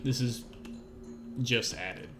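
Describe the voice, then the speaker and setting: A man's voice: mid-range voice, slow. A man giving casual, informal live playthrough commentary as a game developer and streamer, with some swearing. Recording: loud game music behind.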